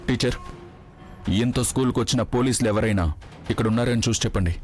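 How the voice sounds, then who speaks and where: A man's voice: mid-range voice, fast, lightly acted. A man playing a powerful, menacing village strongman who issues commands and threats, in a TV serial with background music.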